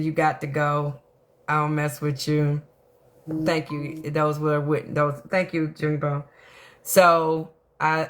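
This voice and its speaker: A middle-aged woman holds court on her live stream. She is blunt and profane, keeps a bright, forceful tone, and greets viewers by name between points. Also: low voice. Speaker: livestream host. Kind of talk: casual live-stream rant to chat.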